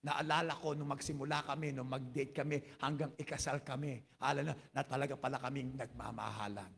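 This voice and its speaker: Filipino male pastor, husky and raspy, lively church sermon with constant amens. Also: medium pitch, brisk. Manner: peppers every phrase with hallelujah and amen, mixes English into Filipino.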